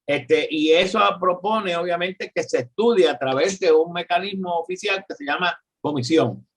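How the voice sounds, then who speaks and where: A man in his seventies with a Puerto Rican accent, talking earnestly in a political discussion and often pausing to find his words. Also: high voice, slight background noise. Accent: Puerto Rican Spanish. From Puerto Rico. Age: 70s. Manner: earnest, searching for words, repeats himself. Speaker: guest commentator.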